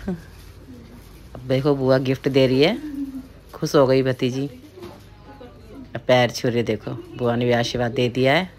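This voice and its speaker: A woman's voice: extremely low pitch, steady tone, unhurried, long pauses, darkish tone, a little hiss or hum. A middle-aged woman from the hills, chattily narrating a family ritual in a casual voice-over and often addressing her viewers as friends. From Pahari hill region of India.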